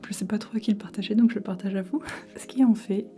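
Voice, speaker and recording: A woman whispers softly, as if in a library, in a casual ASMR style. Her voice is breathy and mellow, staying very even in pitch. She talks informally, with music playing behind her. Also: fast. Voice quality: soft, breathy unvoiced whisper. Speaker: ASMR creator.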